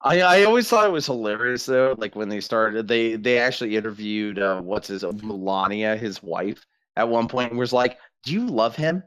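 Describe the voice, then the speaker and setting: A man's voice: lowish voice, normal speed, fairly bright tone, smooth, no echo. A man hosting a casual online podcast, rambling and stammering over his words, talking over a voice call. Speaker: podcast host. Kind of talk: casual livestream chat.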